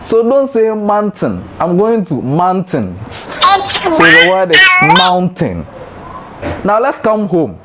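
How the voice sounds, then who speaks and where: Ghanaian man, host, playful, laughing, high mock voices, fairly high voice, lively pitch. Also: a little slow, heavy background noise. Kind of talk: light educational talk.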